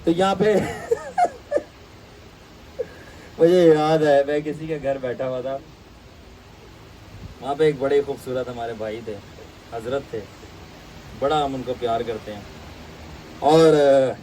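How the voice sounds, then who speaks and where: A man teaching a Bible class, animated and storytelling, mixing English phrases into his talk. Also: mid-range voice, pauses often, recorded from a distance, a little hiss or hum, poor audio. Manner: animated, acts out voices in anecdotes; mixes English phrases into Urdu.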